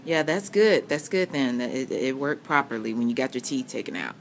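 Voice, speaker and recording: A woman speaks in a low voice. She is soothing and coaxing, repeating short phrases as she looks after someone. There is faint room noise around her. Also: animated, fairly quick, vocal fry. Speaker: caregiver filming the patient. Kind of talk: soothing casual chat. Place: small hospital room, behind a handheld phone.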